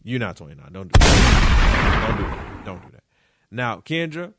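A Detroit podcast host does solo commentary, roasting people playfully in slang and repeating himself a lot. His male voice is fairly low and sing-song at a moderate pace, and the recording is very noisy.

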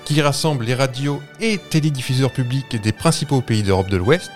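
A French-accented man co-hosts a casual podcast chat, explaining facts in a medium-pitched voice at a moderate pace while stumbling through fillers and restarts. Faint music plays in the background.

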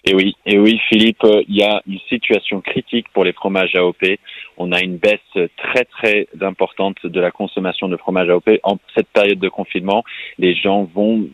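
An American man speaking as a radio columnist from his farm, earnest and halting, often restarting his words. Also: deep voice, little pitch movement, a bit bright, no room sound, rough recording. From United States. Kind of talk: radio interview by phone.

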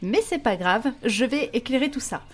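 A woman's voice: a little high, expressive, moderate pace. A woman co-hosting a casual podcast, reviewing music with playful enthusiasm and frequent laughs.

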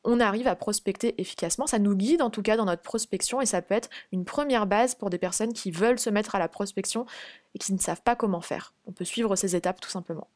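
Young woman guest, mid-pitched, walks through ideas with many hesitations, dry close recording. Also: a little fast, a little mellow, dry recording. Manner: explains step by step with frequent hesitations. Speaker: freelance marketing guest. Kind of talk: podcast interview.

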